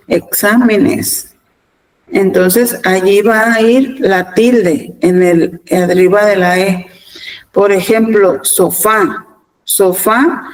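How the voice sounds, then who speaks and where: A Mexican woman teacher giving a virtual class, talking deliberately and often repeating words and pausing with fillers. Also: mid-range voice, darkish tone, poor audio. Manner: deliberate, repeats words, fills pauses with "este". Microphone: video call.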